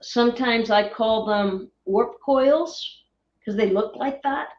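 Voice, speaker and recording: A woman explains things in a casual, hesitant way, full of "um"s and restarts, her voice sitting a little high. She sounds far from the microphone in a roomy space. The call audio is dull and muffled. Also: slow pace, a little mellow. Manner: hesitant, many fillers and restarts. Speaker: guest sharing orb photos.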